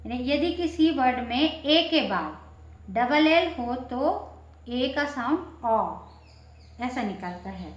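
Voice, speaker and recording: A woman teaches pronunciation very slowly, spelling words out letter by letter before saying them. Her voice sits high, and she asks and answers her own questions. The recording is echoey and a bit dull. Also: lively intonation.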